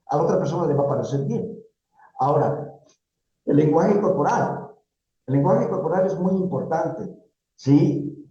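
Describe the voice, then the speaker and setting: A man's voice: a little high, warm tone. A man with a Mexican Spanish accent giving a university workshop talk on job interviews, teaching with rhetorical questions and frequent tag questions. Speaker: career workshop speaker. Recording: roomy, dull sound.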